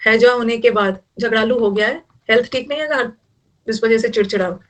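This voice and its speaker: A middle-aged woman with a fairly high voice teaches an online vocabulary class. She mixes Hindi and English and makes jokes to help words stick. Her voice sounds a little distant from the microphone. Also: a little fast. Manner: mixes Hindi and English, jokey memory tricks.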